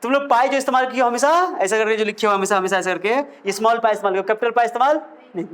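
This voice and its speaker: High-voiced man teaching physics. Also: rapid-fire, clean tone. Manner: lively, coaxing, quizzes students with questions. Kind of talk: classroom lecture.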